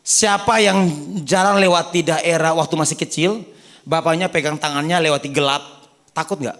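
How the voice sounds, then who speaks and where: High bright-voiced guy preaching in church, jokey, shouts a lot. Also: normal speed. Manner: animated, joking, bursts into shouting. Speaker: pastor. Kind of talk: sermon.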